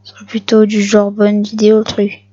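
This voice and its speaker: A woman giving casual gameplay commentary for her video channel, excitable and repeating short phrases at the game. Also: medium pitch, normal speed, dull audio. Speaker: gaming video creator.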